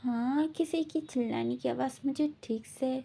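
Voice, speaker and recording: A woman voicing a calm, sensible young man who reassures others in a retold fan story. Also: high voice, normal speed, creaky.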